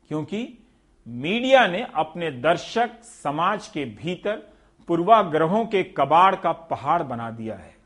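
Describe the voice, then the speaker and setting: A man delivering scripted TV news commentary in a sarcastic, rhetorical way, speaking straight to the viewer. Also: fairly high pitch.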